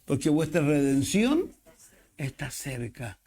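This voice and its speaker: A male pastor, preaching a sermon with expressive swings and acted-out quotes. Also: a little high, slow pace. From Chile.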